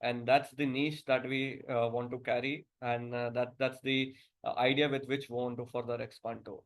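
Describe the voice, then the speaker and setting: Speaking as a company director in a business presentation, an Indian-accented man delivers his words haltingly and repeats them often. His voice sits at a medium pitch with little movement in intonation.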